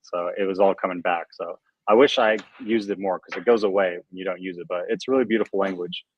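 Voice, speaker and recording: A man's voice: sits low, quick pace. A young American man, a guest DJ and producer, chatting casually and rambling on a livestream video call. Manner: relaxed, rambling, filler-heavy. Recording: dull, dry lo-fi sound.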